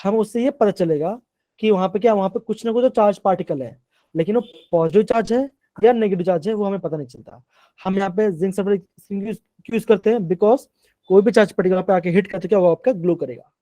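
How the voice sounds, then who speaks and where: A man teaches a live online class, often asking questions and repeating them while mixing terms into his sentences. His voice is high and mellow, his pace quick, and there's no room sound.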